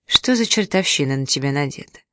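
A man's voice: a little high, animated, fairly quick, fairly bright tone, no echo, clean studio sound. A reader voicing a moody, self-pitying young man who grumbles and sulks, in a storybook reading. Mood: sulky. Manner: sulky, brooding.

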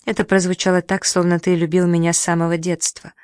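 An audiobook reader voicing a proud, sharp-tongued young woman who speaks with sarcasm and indignation. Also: fairly low pitch, flat delivery, fast talker, clear, resonant tone, dry recording, studio quality, natural voice. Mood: sarcastic. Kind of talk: audiobook dialogue.

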